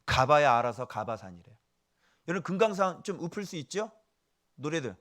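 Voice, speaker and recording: A male pastor preaching a sermon, animated and firing questions at the congregation, dropping to a hush for asides. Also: fairly high pitch, brisk.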